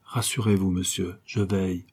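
A smug private detective, read by a man, full of bluster and cheap reassurance. He talks in a low, husky, mellow voice with a self-assured ease. It sounds like a character in an audiobook. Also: flat delivery, moderate pace. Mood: bluffing. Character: boastful male private detective, bluffing and smug.

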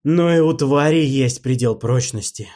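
A man voicing a despairing male necromancer king who pleads and rages in loud, anguished outbursts. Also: medium pitch, expressive, slow pace, voice pushed up.

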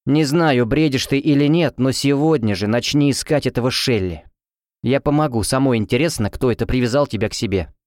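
A man voicing a sharp-tongued, irritable young woman who shares a room, speaking in a scolding, snappy way. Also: medium pitch, a little fast, no room sound, clean studio sound, lightly acted.

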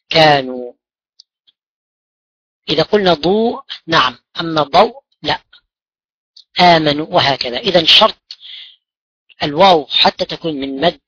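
This man, a religion teacher, leads a lesson on how the Quran should be recited, asking questions of the class before answering them on his own. His fairly high voice sounds pushed, bright and slightly rough, recorded lo-fi with no echo.

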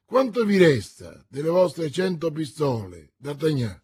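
A man voicing a calm, ironic musketeer who speaks in a low, dry, understated way. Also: a little slow, husky, exaggerated voice. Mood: wry.

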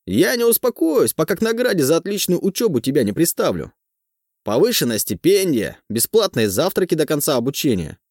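A man voicing an excitable, loud middle-aged male teacher in an audiobook. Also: fairly high pitch, a little fast, no room sound, studio quality, voice pushed up. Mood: excited.

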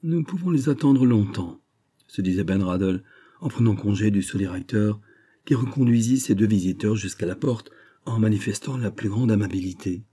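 Dark-voiced male audiobook narrator. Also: lowish voice, fairly quick, slightly rough. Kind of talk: scripted narration.

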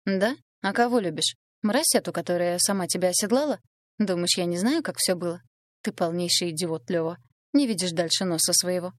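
A woman's voice: on the low side, a little fast, no echo, clean studio sound, natural voice. A woman voicing a spiteful, scheming young woman who sneers and mocks. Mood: venomous. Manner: sneering, venomous. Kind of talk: audiobook dialogue reading.

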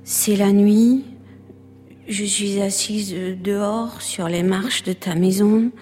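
An actress playing a lonely, fragile woman who speaks slowly and often in a whisper, in a stage play. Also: mid-range voice, fairly even intonation, in a large hall, faint music behind, close to an everyday voice. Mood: hushed. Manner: slow, hushed, often whispering.

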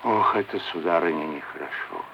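In a rumbling low voice, the same kind of oily, creaky schemer probes pompously: a middle-aged official and scheming son-in-law of a merchant, wheedling and unctuous. He leans on deliberate officialese and coaxing diminutives, performed as theatrical classic Russian stage acting. The dull vintage radio recording carries a faint hiss.

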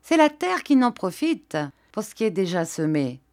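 A woman's voice: medium pitch, very animated, normal speed, darkish tone, voice pushed up. A woman voicing an awkward young peasant man who stammers and dodges questions in rustic speech. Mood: hesitant.

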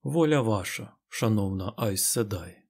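A man's voice: on the low side, animated, unhurried, darkish tone, husky, pitched below the performer's own voice, full character voice. A man voicing a courteous, thoughtful middle-aged lord.

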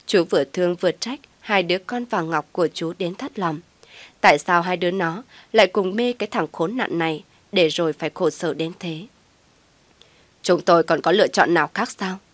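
A woman's voice: on the low side, brisk, no room sound. A woman narrating a dramatic family story as a storyteller, reading steadily and expressively.

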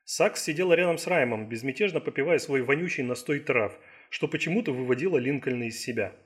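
A man narrating an audiobook thriller in a steady, measured reading. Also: medium pitch, breathy edge. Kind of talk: scripted narration.

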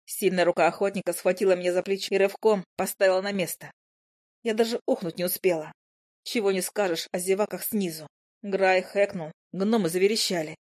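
A woman narrating a first-person audiobook in a lively, expressive way. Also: medium pitch, a little fast. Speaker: audiobook reader.

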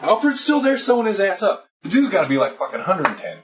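A man's voice: high-pitched, huge pitch swings, fast, far from the mic, slight background noise, low-quality recording. A man co-hosting a podcast, rambling and swearing as he explains comic history at length. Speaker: podcast co-host. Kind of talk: casual drunk chat about comics.

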